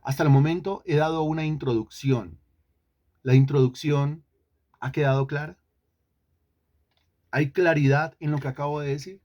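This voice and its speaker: A man's voice: on the high side, steady tone, moderate pace, long pauses, darkish tone, muffled recording. A man leads an online Bible lesson and keeps putting questions to his students. He repeats key phrases over and over to press each point home. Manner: questioning, repeats himself for emphasis. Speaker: Bible teacher. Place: online class.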